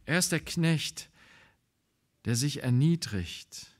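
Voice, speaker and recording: A man with a German accent preaching a sermon as pastor, slow and deliberate, growing emphatic when he reads scripture aloud. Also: animated. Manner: emphatic, rises in pitch and volume when reading scripture; slow, deliberate delivery with pauses.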